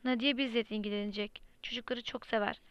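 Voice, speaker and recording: A woman's voice: a little high, fairly even intonation, fast talker, clear, resonant tone, dry recording, close to an everyday voice. A woman reading the lines of a cold adult male middleman in an audiobook. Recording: dry, slightly muffled lo-fi recording.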